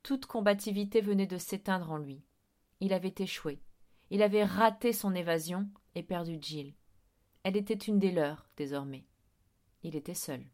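A woman reading a dark children's novel aloud, with measured, quiet, suspenseful narration. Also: lowish voice. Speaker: audiobook narrator. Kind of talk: storybook narration.

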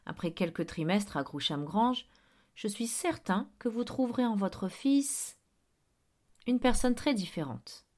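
A woman reading an audiobook, voicing a sinister male headmaster who speaks softly, almost in a murmur, without emotion. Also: mid-range voice, lively intonation, measured pace. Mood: cold. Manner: soft, near-whispered, emotionless. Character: cold, soft-spoken sinister male headmaster.

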